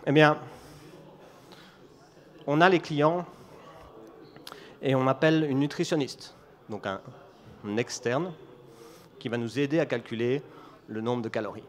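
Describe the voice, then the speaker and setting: A man's voice: medium pitch, unhurried, long pauses. A man with a Belgian French accent speaks at a conference in a mid-range voice. He explains his point through a running example and often restarts his phrases as he goes. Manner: storytelling explainer with frequent restarts. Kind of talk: conference talk.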